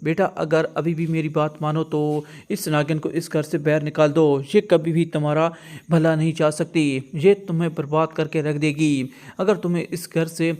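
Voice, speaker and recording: A man voicing a stern middle-aged mother in a retold drama, in his own flat voice. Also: fairly high pitch, close to an everyday voice. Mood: scolding.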